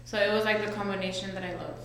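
A woman's voice: mid-range voice, level tone, rapid-fire, a bit bright. Earnest young female student guest, recorded in a very echoey room. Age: 20s. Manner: earnest, listy, thoughtful. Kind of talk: casual interview chat.

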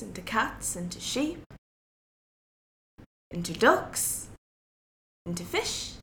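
A woman's voice: fairly high pitch, a bit bright, roomy sound. A woman with an Irish accent telling a folk tale aloud, with playful asides to her listeners. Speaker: storyteller. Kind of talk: oral storytelling of a folk tale.

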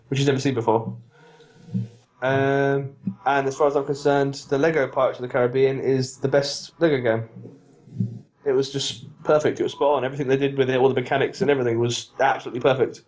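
A man co-hosting a podcast, chatting casually in a rambling, animated, self-mocking way. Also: mid-range voice, a little fast, rough recording. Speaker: podcast co-host. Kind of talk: casual chat.

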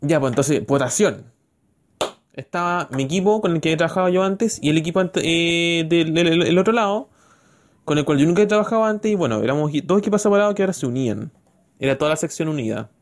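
A man's voice: a little high, quick pace. Young Chilean man telling a story. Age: young adult. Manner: animated, acts out quotes, slangy. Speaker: student storyteller. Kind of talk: casual storytelling.

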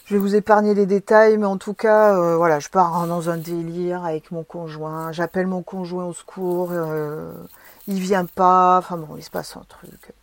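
A woman's voice: on the low side, level tone, moderate pace, dry recording. A woman telling a personal experience in vivid, emotional, hesitant speech.

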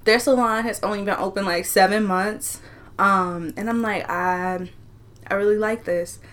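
Girl in her 20s just chatting on a podcast, slangy, normal pitch, super informal. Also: fairly even intonation, unhurried, fairly bright tone. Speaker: podcast co-host. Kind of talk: casual chat.

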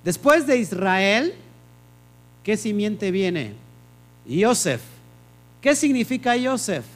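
A man leads a scripture study in a high voice. He keeps asking his listeners questions and answers them himself in a teacherly rhythm. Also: very animated, slow pace. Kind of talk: Torah study teaching to a small group.

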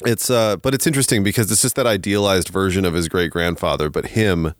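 A man's voice: low-pitched, fairly even intonation, brisk, no echo, studio quality. A man co-hosting a podcast, rambling casually with swearing and laughter. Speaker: podcast co-host. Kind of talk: casual chat.

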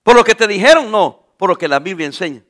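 A man preaching a sermon, his voice high and sharp-edged. His pitch swings widely as he lifts his questions and drops to answer them himself. He hammers home key phrases by repeating them. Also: animated, quick pace. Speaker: pastor.

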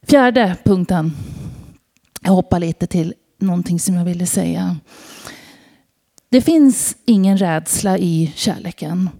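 A woman's voice: medium pitch, gravelly, dark tone. A woman from Sweden giving an informal sermon, telling personal stories and asking the congregation questions. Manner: conversational, asks the audience questions. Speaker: preacher.

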